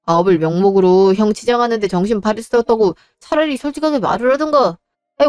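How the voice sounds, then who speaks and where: A woman's voice: mid-range voice, darkish tone, no room sound, close to an everyday voice. Woman voicing a resentful younger son in a story drama, blunt and exasperated, dry close sound.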